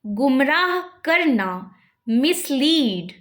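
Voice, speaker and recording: A woman with an Indian English accent runs a vocabulary drill at a very slow, deliberate pace. Her voice sits high and moves in a lively, sing-song way as she says each word and its meaning over and over.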